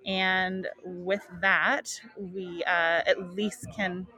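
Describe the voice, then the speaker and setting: A woman's voice: lowish voice, little pitch movement, extremely slow, sharp tone. Woman podcast host chatting live thru a face mask, kinda loose and informal, stops and restarts thoughts. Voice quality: slightly muffled through a face mask. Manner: informal, giggly, breaks off mid-thought. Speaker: podcast host and wedding planner. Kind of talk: casual live talk to listeners. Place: at a wedding show venue.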